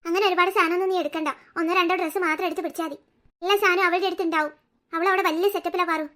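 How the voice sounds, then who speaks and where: A woman's voice: very high-pitched, fairly even intonation, racing, bright, forceful tone. A woman voicing a caring teenage older sister in a cartoon, reassuring her younger sibling. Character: earnest teenage girl, protective older sister. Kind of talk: cartoon voice acting.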